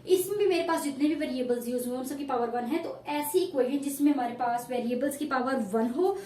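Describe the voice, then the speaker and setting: A woman's voice: high voice, a little mellow, reverberant. A woman math teacher explaining a lesson step by step, patiently repeating each point and addressing her pupils.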